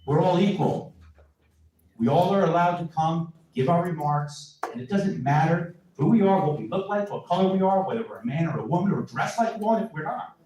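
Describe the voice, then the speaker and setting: A man's voice: high-pitched, expressive, fairly quick, a little mellow, slight background noise. A man speaking during public comment at a town council meeting, praising the officials in a needling, sarcastic way. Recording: echoey council chamber, voice from far off the mic.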